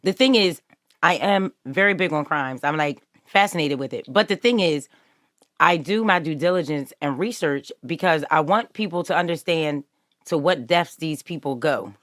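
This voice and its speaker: A woman hosts a casual true-crime chat, telling the story with animation and slipping into the voices of the people she quotes. Her voice sits a little low. The sound is dry and close. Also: normal speed, no room sound. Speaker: podcast host.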